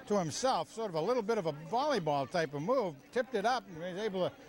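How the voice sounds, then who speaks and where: Folksy high-voiced male color commentator. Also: animated, fast. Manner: folksy, joking analysis. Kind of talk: high school football radio commentary.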